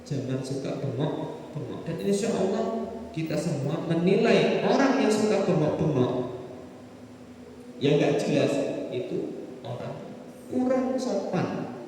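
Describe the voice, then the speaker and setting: A man's voice: a little high, big pitch swings, takes it slowly, pauses often, dark tone, slight background noise. A man with a Javanese accent preaching a mosque sermon in a conversational way, often asking the audience questions. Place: mosque hall. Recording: echoey hall from far off.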